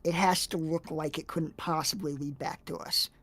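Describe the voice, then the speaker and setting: A woman playing a tabletop game in character, chatty and animated. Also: sits low, moderate pace, breathy edge, dry recording, soft background music. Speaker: player.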